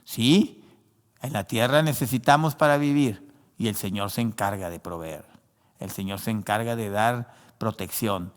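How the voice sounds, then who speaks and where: A pastor with a fairly low voice delivers a sermon in a big-sounding room. He learned Spanish later, calling the congregation "hermano" and often restarting with frequent fillers.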